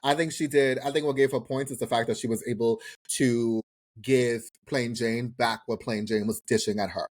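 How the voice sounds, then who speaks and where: This podcast co-host speaks at a normal speed with a medium pitch and a steady tone. He's recapping a TV show in casual conversation, using slang, emphasis, free profanity and repeated phrases.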